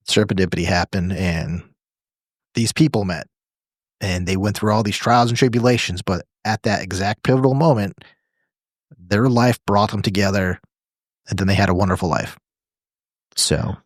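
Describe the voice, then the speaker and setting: A man with a low voice lays out an idea in casual podcast chat, building long what-if examples and adding dry jokes. The recording is close on the mic with no room sound. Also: no room sound. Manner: explains with long hypothetical examples, wry. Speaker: podcast co-host.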